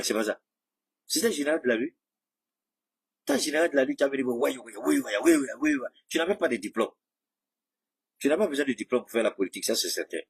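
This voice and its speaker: A man with a husky, slightly breathy voice holds forth in a long monologue. He mocks and challenges the people he talks about, turning to address them directly. The pitch sits in an ordinary middle range. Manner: mocking, combative, addresses rivals directly. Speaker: political commentator. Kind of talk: heated monologue commentary.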